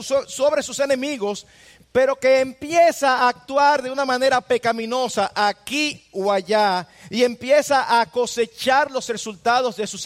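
High-voiced man preaching in a reverberant hall. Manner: earnest, addresses listeners directly with rhetorical questions. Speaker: pastor. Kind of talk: sermon.

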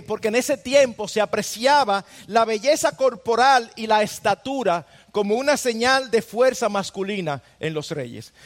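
A man with a strikingly high voice preaches a sermon to his congregation. He speaks earnestly and keeps turning to his listeners with direct questions. His voice rings out with a long reverb from a church hall. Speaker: pastor.

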